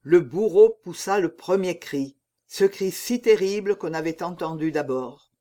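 Casting: male audiobook narrator, high voice, slow and measured. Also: lively intonation, warm tone. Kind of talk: literary reading.

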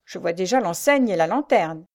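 A woman voicing a gruff, bossy male army sergeant who barks orders loudly, reading a storybook. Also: fairly low pitch, lively intonation, moderate pace. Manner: barking orders, loud and rough.

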